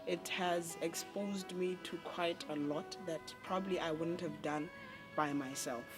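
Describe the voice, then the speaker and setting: A young musician answers in a very slow, deliberate way. The voice sits at a middle pitch. Clear music plays in the background. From Botswana. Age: young adult. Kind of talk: interview answers.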